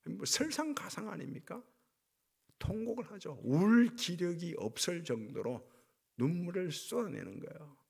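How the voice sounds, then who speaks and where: A male pastor preaching a sermon, acting out cries of anguish with sweeping swings in pitch and volume. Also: big pitch swings, measured pace, creaky, darkish tone, slightly rough.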